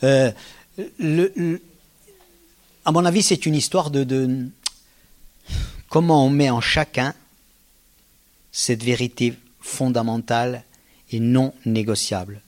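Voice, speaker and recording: A man giving a public talk, telling stories with lively energy and acting out quoted dialogue in casual, slangy speech. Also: mid-range voice, slow pace, long pauses. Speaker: lecturer.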